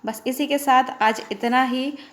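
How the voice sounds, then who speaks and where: A woman teaching an online Sanskrit lesson, reciting the sutras slowly and drawn out and explaining them patiently. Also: high-pitched, fairly even intonation, a bit bright. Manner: explains patiently, often checking with "theek hai".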